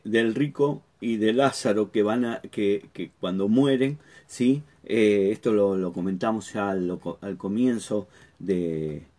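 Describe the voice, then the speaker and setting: A man teaching a Bible lesson, halting often, repeating words and checking in with the listener. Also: lowish voice, mellow.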